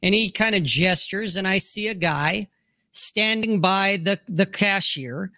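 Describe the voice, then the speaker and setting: A man's voice: high-pitched, a little slow, pushed and bright, no echo, studio quality. A man hosting a casual talk stream, telling a story with profanity and acting out what people said. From Utah. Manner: storytelling, profane, acts out quotes. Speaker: podcast host. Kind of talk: casual chat.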